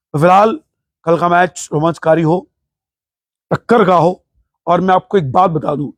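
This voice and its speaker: Passionate man with a high voice. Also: dry recording, studio quality. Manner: passionate, emphatic, patriotic. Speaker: host of a cricket talk show. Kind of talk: opinionated cricket commentary monologue.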